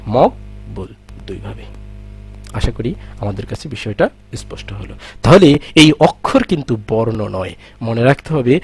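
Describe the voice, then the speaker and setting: A man's voice: medium pitch, creaky, slightly rough. A man teaching an exam-prep grammar lesson with a Bangladeshi Bengali accent, asking questions and answering them himself.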